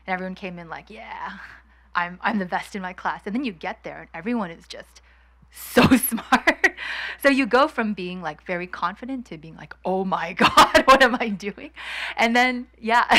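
A woman's voice: mid-range voice, bright, forceful tone. A woman in her thirties from Hong Kong, talking candidly as a guest in a fireside chat, with frequent light laughs, into a handheld mic at an outdoor event. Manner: candid, quick laughs, chatty. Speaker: guest investor.

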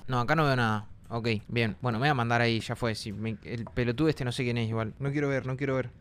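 A young Argentine man streaming a horror game alone in a dark apartment, nervous and rambling, swearing and yelping when scared. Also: mid-range voice, steady tone, fast, a little hiss or hum. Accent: Argentine Spanish. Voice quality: jumpy, screams and yelps when startled. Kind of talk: live gameplay commentary.

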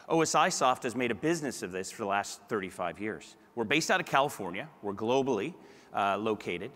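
A man's voice: medium pitch, fairly bright tone. A middle-aged man talking conversationally as a guest executive on a conference stage, wearing a lapel mic. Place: large conference stage indoors. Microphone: clip-on lapel mic. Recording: amplified hall with long reverb.

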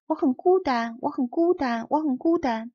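A woman voicing a polite, lonely little boy prince who asks gentle, earnest questions in a storybook reading. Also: sits high, moderate pace, no echo, pitched above the performer's own voice, close to an everyday voice. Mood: lonely calling. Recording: dull lo-fi recording.

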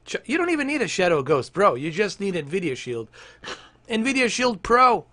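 His voice sits high with big pitch swings and a sharp tone, at normal speed and with no room sound. The man, in his thirties, streams a game from home, swearing, joking and teasing chat in casual commentary through a headset with a large foam mic.

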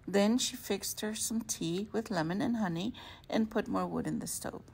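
A woman teacher reading a picture book aloud to children, expressive and friendly. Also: medium pitch, normal speed, vocal fry, breathy edge. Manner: warm, expressive storytelling to children.

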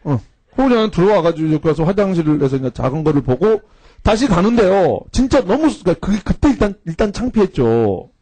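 A man's voice: sits high, very animated, fairly quick, warm tone, dry recording. A man teaching a cram school class, telling a funny story to his students in a casual, slangy way. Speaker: cram school English instructor.

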